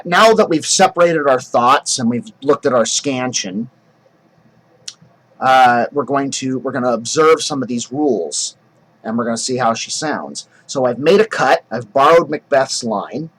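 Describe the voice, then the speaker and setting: Man, drama teacher, husky tone, casual explanatory lesson, frequent restarts. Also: medium pitch, lively intonation, measured pace, a bit bright, rough recording. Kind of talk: acting lesson.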